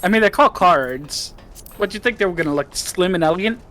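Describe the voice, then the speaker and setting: A woman with a squeaky voice, bantering casually with friends while gaming. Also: lively intonation, quick pace, a bit bright. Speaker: gamer in a group call.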